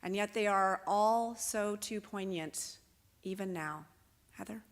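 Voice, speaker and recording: A woman's voice: medium pitch, slow pace. A woman leads a synagogue service. She speaks earnestly and leans with emphasis into her words. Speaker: clergy leading the service. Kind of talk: sermon. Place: synagogue sanctuary.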